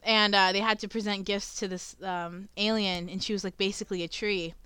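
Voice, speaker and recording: A woman's voice: medium pitch, steady tone, fairly quick, bright, forceful tone, clean tone, no echo. A young woman co-hosting a podcast in casual chat, laughing often and swearing freely as she tells stories. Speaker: podcast co-host.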